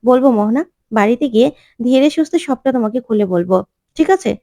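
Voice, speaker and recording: A woman voicing a kind, caring middle-aged woman who speaks with gentle concern. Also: fairly high pitch, expressive, quick pace, dry recording, clean studio sound, close to an everyday voice.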